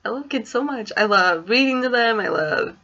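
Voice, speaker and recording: A woman's voice: fairly high pitch, expressive, normal speed, sharp tone, muffled recording. A woman in her twenties who says w for r, chatting hesitantly in a casual, rambling vlog at home. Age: 20s. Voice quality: speech impediment, says w for r. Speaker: student teacher in special education. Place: small home room, indoors. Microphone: webcam or computer mic at desk distance.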